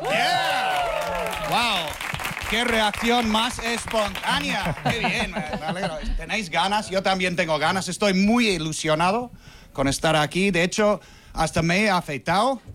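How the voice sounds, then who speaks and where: A man's voice: high voice, very animated, a little slow, a crowd in the background. An American man in his thirties doing a stand-up comedy set with dry, punchy joke delivery. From United States.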